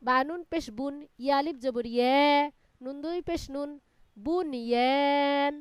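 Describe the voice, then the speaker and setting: Her pitch sits high and her pace is measured as she teaches Quran reading in a live online class, sounding out Arabic letters syllable by syllable and laying out recitation rules. The audio is dry and studio quality, though it comes through an online class call.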